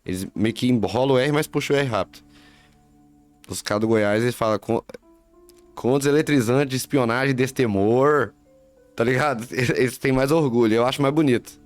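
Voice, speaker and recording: Rambling streamer with a Minas Gerais accent. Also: male voice, medium pitch, a little fast. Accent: Minas Gerais Brazilian Portuguese. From Minas Gerais, Brazil. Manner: rambling, chatty, slangy. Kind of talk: casual gameplay commentary. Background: faint game music.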